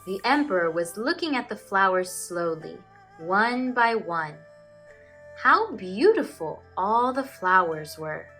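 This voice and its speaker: Expressive woman teacher, music behind. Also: mid-range voice, takes it slowly. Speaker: teacher reading stories to children. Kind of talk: expressive storybook reading and talk to children.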